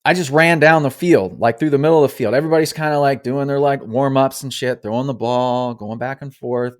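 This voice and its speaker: A man in his thirties, a podcast guest, telling a story in a casual, animated way and swearing freely. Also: medium pitch, brisk.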